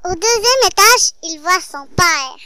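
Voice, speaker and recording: A child presenting a school radio show, reading a joke and a riddle poem slowly and carefully. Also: female voice, very high-pitched, animated, sharp tone. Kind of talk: reading jokes and riddles aloud.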